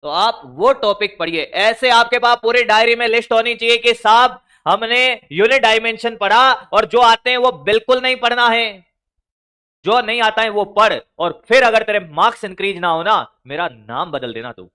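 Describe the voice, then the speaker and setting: A man's voice: sits high, normal speed, bright, forceful tone, smooth. A male teacher giving blunt, scolding study advice to exam students, calling them brother and son. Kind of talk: motivational study advice lecture.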